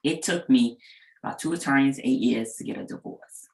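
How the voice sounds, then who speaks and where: Animated deep-voiced woman telling her story. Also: moderate pace, gravelly. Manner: earnest, animated storytelling, acting out quoted voices. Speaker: speaker sharing a personal story. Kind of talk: personal storytelling talk. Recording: echoey room.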